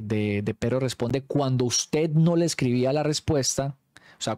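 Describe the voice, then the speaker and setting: A man with a Colombian accent telling a story casually, animated and full of slang, who keeps jumping into the voices of the people in it. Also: medium pitch, no echo, studio quality.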